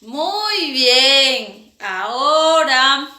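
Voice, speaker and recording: A woman teaching young children about sounds, imitating each one in a slow, sing-song way. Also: high voice, big pitch swings, sharp tone. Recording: echoey room.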